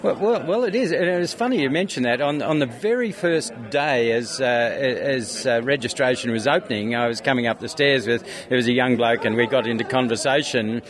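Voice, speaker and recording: An Australian man, interviewed as an organiser of a skeptics convention, chats casually at the busy venue, telling anecdotes in a rambling, hesitant way. His voice is medium-pitched and brisk with few pauses, and crowd chatter can be heard behind him.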